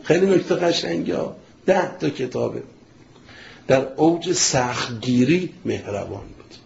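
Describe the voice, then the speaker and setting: A man's voice: mid-range voice, animated, creaky, darkish tone, slight background noise. A man preaching a sermon with passion, acting out family conversations. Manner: impassioned, acts out family dialogues. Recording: echoey, dull lo-fi recording.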